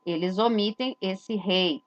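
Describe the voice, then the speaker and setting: A woman's voice: mid-range voice, slow pace, muffled recording. A woman, giving an explanatory lesson that points at letters and poses rhetorical questions she answers herself. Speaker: religious teacher.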